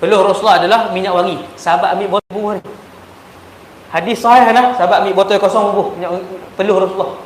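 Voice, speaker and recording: A man with a Malaysian Malay accent preaching a sermon, telling stories animatedly and swinging between loud emphasis and hushed tones. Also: high voice, fairly even intonation, racing. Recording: echoey hall with faint noise.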